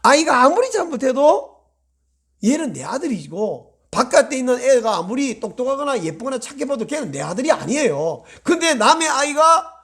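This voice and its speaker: A male pastor delivering a sermon in a high, gravelly voice. His pitch leaps and dips constantly as he presses his points. He acts out prayers, moving from raised urgency to hushed pleading. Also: moderate pace. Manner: animated preaching, acts out prayers with swings from loud to hushed.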